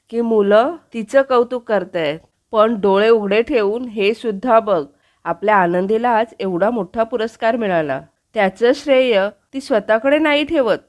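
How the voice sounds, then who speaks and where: A woman with a Marathi accent reading out a TV serial recap, voicing every character's lines in her own plain voice. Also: a little high.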